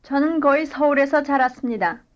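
A woman reading a scripted language-lesson dialogue and drill answers in clear, careful model sentences. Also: high voice, a little fast, dull audio. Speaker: language course speaker.

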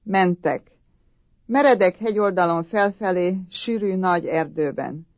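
Female storybook narrator, calm even delivery, lowish voice, dull dry recording. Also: dry recording. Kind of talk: storybook reading. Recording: dull, dry audiobook sound.

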